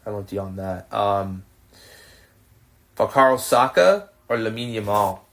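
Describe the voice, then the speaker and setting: A man hosting a podcast, firing off quick this-or-that questions with brief, low-key acknowledgements. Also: a bit bright. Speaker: podcast host. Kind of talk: casual rapid-fire this-or-that interview.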